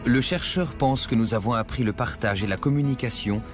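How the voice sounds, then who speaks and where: A man narrating a scripted nature documentary in a measured, explanatory storytelling manner. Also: medium pitch. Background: music.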